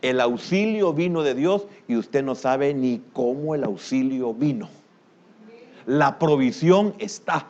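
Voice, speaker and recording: An older pastor with a Salvadoran Spanish accent preaches slowly and with animation, erupting into loud exclamations before sinking to a low murmur. The recording has its highs cut off.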